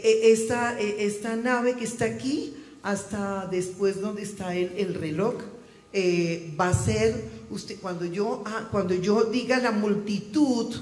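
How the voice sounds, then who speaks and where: A man preaching in a church, leading the congregation through a call-and-response reading and shouting out the cue words. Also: high voice. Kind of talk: interactive sermon with call-and-response cues. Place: church sanctuary. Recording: echoey hall with long reverb.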